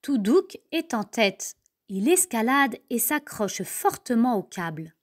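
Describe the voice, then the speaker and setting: A mother reading a children's story aloud in a slow, expressive storybook manner. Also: on the high side. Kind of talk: storybook narration.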